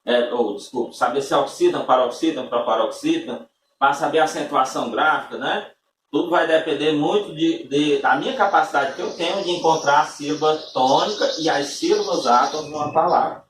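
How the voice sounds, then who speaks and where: Man, teacher, patient step-by-step explaining, frequent check-ins, slightly high voice, faint background noise. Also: brisk, fairly bright tone, recorded from a distance. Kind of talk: recorded classroom-style lesson. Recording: echoey room, voice from off-mic.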